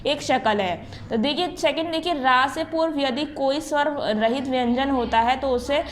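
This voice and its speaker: A woman teacher walks through a grammar lesson, repeating each term and sounding out letters slowly. Her voice sits a little high. A faint hiss runs under the recording. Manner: often checks in with the class. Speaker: school teacher.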